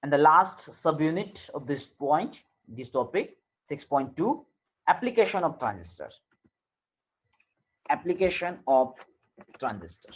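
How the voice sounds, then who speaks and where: A man, an engineering lecturer who slowly dictates notes and repeats terms for his class. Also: a little high, big pitch swings, breathy edge, low-quality recording. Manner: slow, repetitive dictation, switching between English and Marathi.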